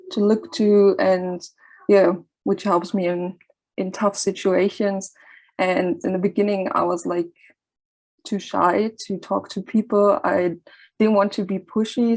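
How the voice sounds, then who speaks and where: Halting German woman with a gravelly voice. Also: medium pitch, darkish tone, poor audio. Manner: hesitant, halting, with restarts. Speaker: student panelist. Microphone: video call.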